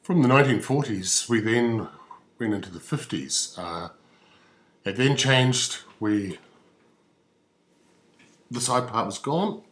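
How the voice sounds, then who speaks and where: A man's voice: mid-range voice, expressive, slow, pauses often, fairly bright tone. A man with a New Zealand accent giving a comic stage monologue, delivered as a dry mock lecture. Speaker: comedy musician.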